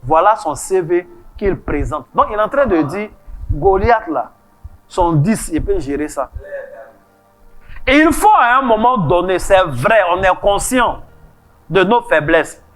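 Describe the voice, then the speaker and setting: A man preaching a sermon, animated, with sudden loud high bursts and soft asides. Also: unhurried, soft background music. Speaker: pastor.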